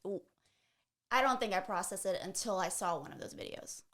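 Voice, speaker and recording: A woman's voice: medium pitch, fairly quick, a bit bright. A woman guest on a casual podcast, chatting in a laid-back, giggly way with many fillers. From Dallas, USA.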